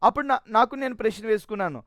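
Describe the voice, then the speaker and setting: A man's voice: high voice, rapid-fire, a bit bright, dry recording, studio quality. A man giving a personal testimony in an earnest, emotional way, often restarting his sentences.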